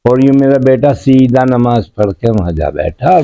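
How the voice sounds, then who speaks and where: A man's voice: medium pitch, lively intonation, measured pace, gravelly, dark tone. A middle-aged man, a father speaking in a field interview, rambling and earthy, using village proverbs. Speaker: father of victim.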